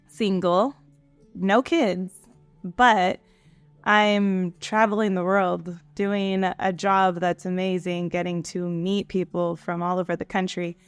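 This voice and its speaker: A woman's voice: on the low side, little pitch movement, slow, smooth, no room sound, soft background music. A woman in her late twenties, an admissions counselor giving upbeat, chatty advice on a panel. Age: 20s.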